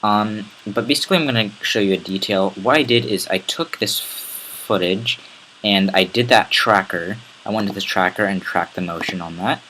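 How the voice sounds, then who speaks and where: A man with a raspy voice giving a casual, rambling step-by-step software tutorial. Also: fairly low pitch, normal speed, slight background noise, rough recording. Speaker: tutorial host. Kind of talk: screen-recorded software tutorial.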